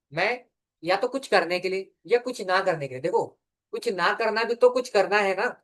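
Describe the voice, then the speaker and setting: A young man teaching law in a lecture. He dictates definitions word by word and asks questions that he answers himself. His delivery sounds like a relaxed classroom talk. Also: high voice. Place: classroom or studio.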